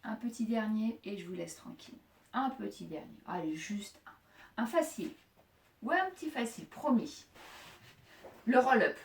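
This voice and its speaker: A woman fitness instructor guiding a Pilates class, calmly cueing each breath, with joking asides now and then. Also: mid-range voice, normal speed, creaky, slight background noise. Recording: echoey room, voice from far off.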